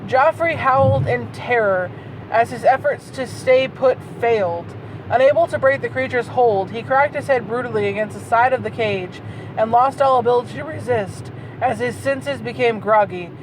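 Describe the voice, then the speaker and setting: Riding in a moving car amid clear vehicle noise, a woman with a fairly high voice reads bad fan fiction dramatically at a moderate pace. Between passages, as host, she ridicules it with incredulous, profanity-laced casual commentary.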